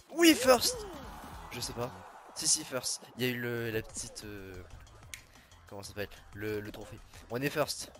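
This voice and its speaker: A young man giving casual, excitable commentary over his own gameplay, chatty and cheering himself on. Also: lowish voice. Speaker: gaming video creator. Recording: music playing under the voice.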